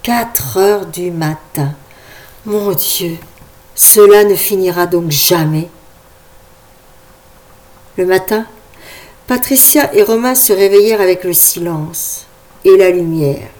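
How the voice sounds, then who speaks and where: A woman's voice: lowish voice, slow, long pauses, darkish tone. Woman reading a wry comic story. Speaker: narrator.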